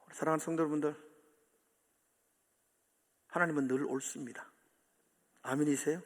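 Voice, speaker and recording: A man's voice: fairly high pitch, steady tone, moderate pace. A male pastor preaching an impassioned sermon, questioning his congregation directly, recorded in a church sanctuary with long hall reverb.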